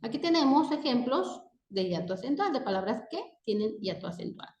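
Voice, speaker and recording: A woman's voice: a little high, sing-song, normal speed, a little mellow. A woman teaching a grammar lesson. She reads example words one at a time and checks in with a rising "¿sí?" after each point. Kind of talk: slow spoken grammar lesson. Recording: echoey room.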